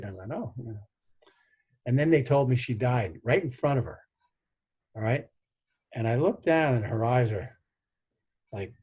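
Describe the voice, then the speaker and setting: A man in his sixties, a guest on a video call, tells family stories in an animated way and acts out the voices of the people in them. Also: mid-range voice, husky. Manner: animated anecdotes with voiced quotes. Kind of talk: conversational storytelling.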